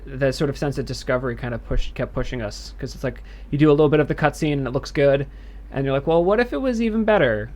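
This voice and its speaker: A male game developer answers questions on a livestream. His voice sits at an ordinary middle pitch. He explains things thoughtfully, pausing and restarting as he goes. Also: little pitch movement, darkish tone.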